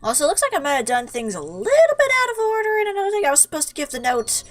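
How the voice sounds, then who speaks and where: A woman's voice: high-pitched, big pitch swings, racing. A woman hosting a video game playthrough with casual, chatty commentary, playfully talking back to the game. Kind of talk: casual let's play commentary. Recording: game music behind the voice. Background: video game music.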